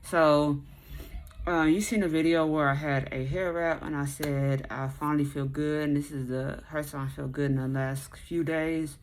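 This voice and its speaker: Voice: medium pitch, fairly even intonation, normal speed. American vlogger talking with a stiff, sore jaw. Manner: restricted jaw movement from a sore jaw after surgery. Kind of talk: casual chatty recovery vlog.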